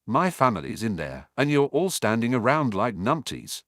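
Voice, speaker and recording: A man voicing a brash, hot-headed teenage boy wizard who barks and shouts, in a fan audiobook. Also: medium pitch, sing-song, normal speed, dry recording, studio quality. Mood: angry.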